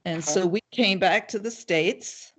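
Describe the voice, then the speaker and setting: An older woman answering interview questions in a measured, thoughtful way, pausing often with ums. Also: mid-range voice. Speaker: guest, local party committee chair. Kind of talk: casual livestream interview.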